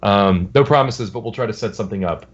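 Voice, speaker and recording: Brief: male game developer and podcast host, loose and jokey, lowish voice, muffled recording. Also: quick pace. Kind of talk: casual podcast chat. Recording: dull lo-fi recording.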